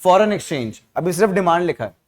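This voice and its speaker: A man's voice: high-pitched, expressive, fast talker. A man teaching economics to a class, asking the students rhetorical questions and mixing English terms into his Hindi. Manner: scolds students loudly when they laugh. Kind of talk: classroom lecture.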